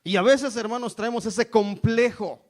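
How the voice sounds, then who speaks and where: A middle-aged Mexican man with a high-pitched voice preaches an evangelical sermon at a normal speed. His delivery is emphatic, and he calls out "hermanos" constantly, addressing his brothers and sisters in almost every phrase.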